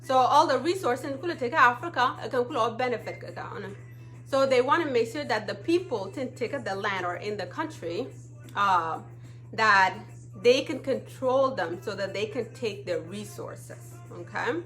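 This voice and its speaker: A woman's voice: a little high, animated, measured pace, fairly bright tone, soft background music. A woman from Ethiopia, hosting a casual live stream and often checking in with her viewers. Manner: chatty, often checks in with "okay?". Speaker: livestream talk show host.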